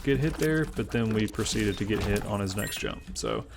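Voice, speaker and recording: This gaming channel host, a man in his twenties from Memphis, Tennessee, has a lowish, fried voice whose pitch swoops wildly, delivered at a moderate pace over background noise. In a Southern accent he casually mocks himself while narrating gameplay, often rambling.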